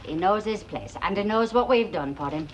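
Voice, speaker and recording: A woman's voice: mid-range voice, animated, normal speed, slight background noise, natural voice. An actress as a proud, prim mining-village mother. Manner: chatty, defensive, prim.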